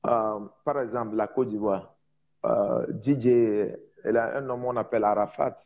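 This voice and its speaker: A man preaching in French with a foreign accent, a non-native speaker teaching informally on evangelism, with emphatic repetition and halting searches for words. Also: fairly low pitch, fairly even intonation, muffled recording. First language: not French, speaks it as a second language. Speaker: preacher, prophet.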